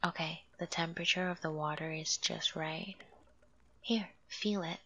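Woman as a doting mother figure: low, gravelly, very slow and soothing. Slips into whispers. Dull lo-fi recording. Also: fairly even intonation, heavily acted. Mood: coaxing. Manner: slow, soothing, coaxing with soft laughs. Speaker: audio roleplay performer. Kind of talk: soft-spoken audio roleplay, half whispered.

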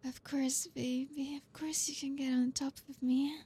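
A woman in a whispered intimate audio roleplay, speaking as a girlfriend in a soft whisper broken by frequent giggles. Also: sits high, little pitch movement, a little slow.

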